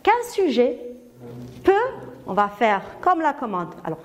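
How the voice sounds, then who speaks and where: A woman's voice: a little high, big pitch swings, measured pace, a little hiss or hum. A woman from Morocco with a Moroccan accent, teaching a primary grammar lesson, asking pupils questions and praising their answers.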